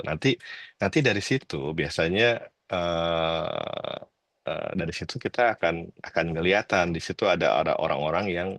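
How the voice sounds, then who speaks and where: Very deep-voiced man, relaxed and rambling. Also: dry recording, clean studio sound. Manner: relaxed, hesitant, many fillers, mixes in English words. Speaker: guest advisor on working abroad. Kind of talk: casual advice talk. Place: lives abroad, talks from home.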